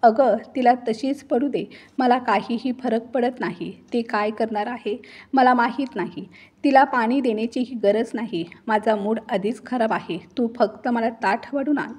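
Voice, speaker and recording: A woman voices an angry man in a storybook, an impatient husband barking curt orders. The voice stays fairly high and husky. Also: unhurried, a little mellow.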